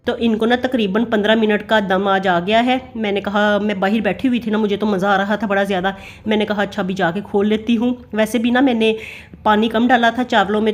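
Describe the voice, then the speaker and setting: A middle-aged woman with a Pakistani Urdu accent, chatting in a homely way as she narrates her family vlog. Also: mid-range voice. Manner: chatty, homely, many fillers. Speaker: family vlogger. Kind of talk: casual voice-over narration.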